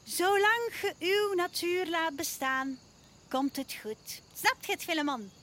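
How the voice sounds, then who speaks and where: Brief: a woman playing a squeaky-high, slow, bright-voiced wise critter, crickets faint behind. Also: expressive, a little hiss or hum, exaggerated voice. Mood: soothing. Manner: patient, encouraging, explaining.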